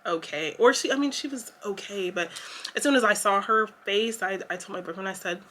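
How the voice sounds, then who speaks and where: A woman's voice: medium pitch, brisk, bright, forceful tone. A young woman, telling a story to her vlog camera in a chatty, emotional way with lots of fillers. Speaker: vlogger. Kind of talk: casual story time to camera.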